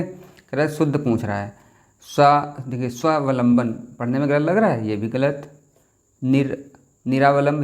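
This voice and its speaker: A man's voice: medium pitch, darkish tone. A man teaching spelling and grammar for a Hindi exam, explaining step by step and often asking rhetorical questions. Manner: explanatory, repeats rhetorical questions and "theek hai". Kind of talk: exam-prep lesson.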